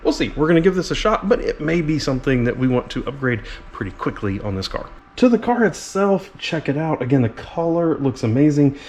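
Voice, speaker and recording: A man's voice: fairly high pitch, sing-song, brisk, hardly any pauses, darkish tone. An enthusiastic man reviewing and unboxing a remote-control car, talking directly to his viewers and exclaiming over each feature.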